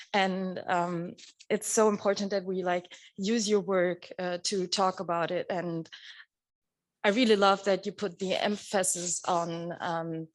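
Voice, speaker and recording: A woman from Africa who lives in Germany, an audience member giving a hesitant, halting comment full of fillers. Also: medium pitch. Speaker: audience member asking a question.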